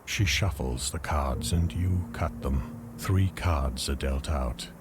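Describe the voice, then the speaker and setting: A man's voice: extremely low pitch, slow pace, noisy background. A man narrating an adventure game in terse, matter-of-fact scripted descriptions.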